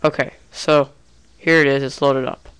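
Here a young man with a mid-range voice and fairly even intonation talks at normal speed, his tone clean and a bit bright, though the audio quality is poor. Feeling slightly under the weather, his voice a touch off, he gives a relaxed, chatty screen-recorded gaming tutorial and keeps restarting.

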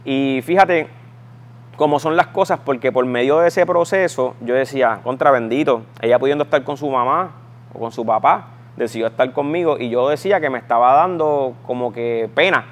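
A man's voice: mid-range voice, normal speed. A man in his thirties with a Puerto Rican Spanish accent, telling his personal conversion story in an emphatic, storytelling way. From Puerto Rico. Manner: storytelling, emphatic, acts out voices in quotes. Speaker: guest giving a testimony.

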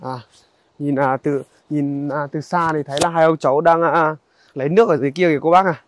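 A young man, narrating a casual outdoor vlog in a halting, conversational way and speaking directly to viewers. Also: on the high side, steady tone, a little hiss or hum. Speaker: vlogger. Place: outdoors in a highland village.

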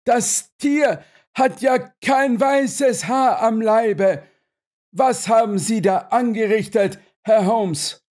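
A male audiobook narrator voicing an excitable elderly army colonel who bursts out in agitation. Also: moderate pace, few pauses, natural voice. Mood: agitated. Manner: agitated, high-strung outbursts. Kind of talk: audiobook character voice.

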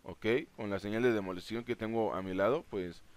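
A man with a Mexican Spanish accent giving excitable, profane gameplay commentary and reading game text aloud. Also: lowish voice, brisk, smooth. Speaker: gaming YouTuber.

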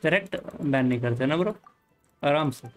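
A man with an Indian accent streaming a game live, talking casually with viewers, mixing Hindi and English and telling the chat to calm down. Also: a little high, a little fast, faint music behind, poor audio. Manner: easygoing, mixes Hindi and English, calms the chat. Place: home room, hot.

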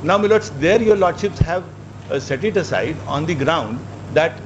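A man with an Indian accent pleading formally as counsel in court, deferential, halting and repeating himself. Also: fairly high pitch, lively intonation. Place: crowded courtroom. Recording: muffled, noisy courtroom stream.

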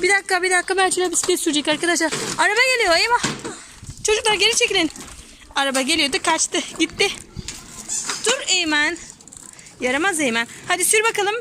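Very high-voiced playful mother filming outdoors. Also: expressive, fast, long pauses. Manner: playful, mock-dramatic cries for help, coaxing children. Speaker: mother filming her son and his friends. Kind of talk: casual family vlog narration. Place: outdoors on a neighborhood street. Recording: noisy outdoor phone recording.

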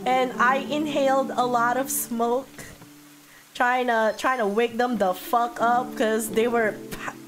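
High-pitched, slow-paced giggly woman streamer. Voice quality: hoarse, husky from illness. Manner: giggly, excitable, swearing freely. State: sick, coughing. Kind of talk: casual live gaming stream chat. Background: game music.

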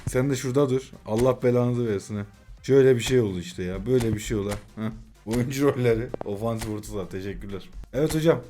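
A man in his twenties commentating a late-night mobile game stream, excitable and swinging between groans and shouts. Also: mid-range voice, fast talker, faint music behind. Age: 20s. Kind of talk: live pack-opening stream commentary.

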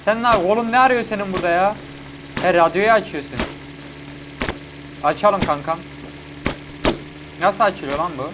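A man giving chatty, excitable let's-play commentary to his viewers. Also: high voice, moderate pace, pauses often. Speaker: gaming YouTuber. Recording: game audio and vehicle noise behind.

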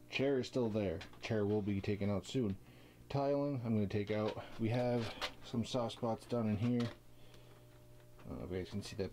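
A man in his thirties gives a casual vlog walkthrough of an RV, first inside and then outdoors on its roof, speaking into a handheld camera mic. His voice is fairly low and mellow with a little hiss or hum, and he talks loosely and ramblingly with lots of fillers.

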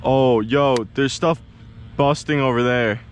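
A young adult fishing vlogger films himself from a kayak on open water with an action camera mounted on the boat, letting out hyped, slangy exclamations in excited bursts. His voice is mid-range and he takes things slowly. Wind and water noise fill the background.

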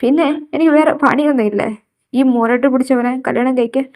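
Woman as young office worker, stubborn, evasive, a bit high-pitched, fan audio drama. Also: fairly even intonation, a little fast, darkish tone. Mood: annoyed.

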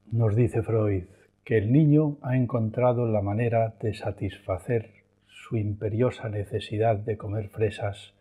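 A man with a Spanish accent from Spain gives a philosophy lecture. His voice is husky and breathy, at a middle pitch. He talks in an animated way and acts out his examples.

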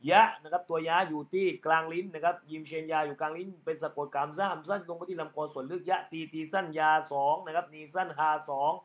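A man's voice: fairly high pitch, a bit bright. A man teaching Quran reading, patiently explaining letter sounds and tajweed rules step by step. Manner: patient step-by-step explanation, frequent polite particles. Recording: muffled lo-fi recording.

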